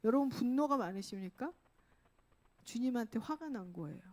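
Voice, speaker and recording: A woman pastor giving a sermon in a conversational way, often correcting herself and slowing down on key phrases. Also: a little high, expressive, a little mellow. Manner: conversational preaching, frequent self-corrections.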